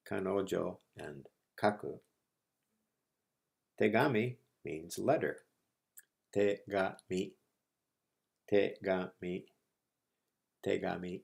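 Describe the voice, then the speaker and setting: A man teaching a language lesson, repeating each word slowly and patiently for learners. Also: low-pitched, vocal fry, darkish tone. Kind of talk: slow, patient lesson narration.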